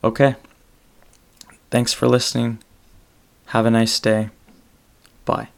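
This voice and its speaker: A man's voice: mid-range voice, monotone, takes it slowly, vocal fry. A man hosting his own podcast alone, talking in a loose, rambling way with many hesitations. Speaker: solo podcast host. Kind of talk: casual solo podcast monologue.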